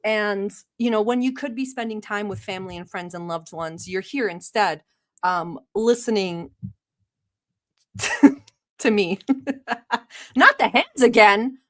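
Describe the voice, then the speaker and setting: Reacting to a video on her casual livestream, a young woman speaks slowly in a mid-range, animated voice, pausing often. She was born in Turkey, speaks Turkish as her first language, and keeps things chatty and teasing with frequent laughter and casual swearing.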